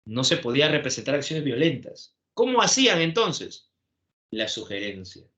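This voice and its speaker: A male teacher with a medium-pitched voice lectures at normal speed in an animated classroom style. He keeps adding tag questions to make sure his listeners are following.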